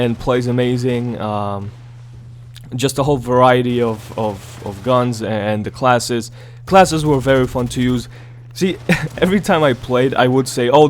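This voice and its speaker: A man's voice: medium pitch, a little hiss or hum. A man giving casual, rambling gameplay commentary in a groggy morning voice, repeating words and swearing now and then. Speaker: gaming YouTuber.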